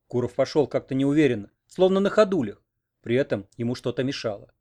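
A man reading a novel aloud in a steady, even storytelling manner. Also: mid-range voice, fairly quick. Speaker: audiobook reader. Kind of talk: literary narration.

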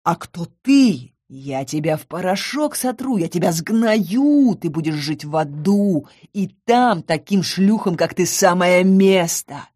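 A woman voicing a furious, arrogant young man, a general's son, who shouts threats slowly in an audiobook. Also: fairly low pitch, animated, slightly rough, dry recording, studio quality, heavily acted. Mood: raging.

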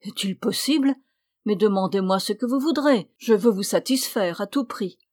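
A woman's voice: mid-range voice, normal speed, darkish tone, natural voice. A woman voicing a devoted lord of a castle who speaks anxiously and earnestly to his wife. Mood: worried.

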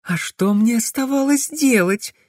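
A man's voice: extremely high pitch, unhurried, dry recording, studio quality, pitched above the performer's own voice. A man voicing a capricious young female witch in an audiobook, coy and sulky by turns.

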